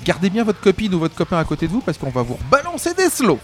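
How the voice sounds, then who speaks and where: High, lively-voiced male radio host. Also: fast, soft background music. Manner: jokey and laughing, with wordplay. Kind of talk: casual radio banter.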